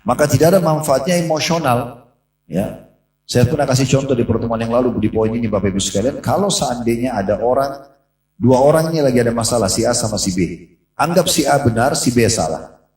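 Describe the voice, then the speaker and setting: Fast-talking preacher in an echoey mosque. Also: male voice, medium pitch. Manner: lively storytelling, acting out quoted voices. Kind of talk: sermon to a congregation. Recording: echoey room from a distance.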